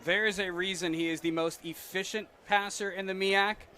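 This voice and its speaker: A man's voice: high-pitched, steady tone, moderate pace, pushed and bright. An American man giving live play-by-play commentary on a football game. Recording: faint outdoor background noise.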